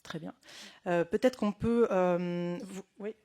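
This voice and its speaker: A woman's voice: on the low side, fairly even intonation, slow, warm tone. Hesitant woman asking long formal questions. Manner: hesitant, many fillers, long winding questions. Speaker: rapporteur of a hearing.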